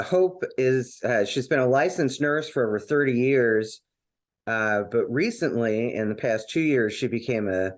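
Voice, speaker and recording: A man hosting a podcast in casual conversation, rambling a little with fillers and restarts. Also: mid-range voice. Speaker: podcast host.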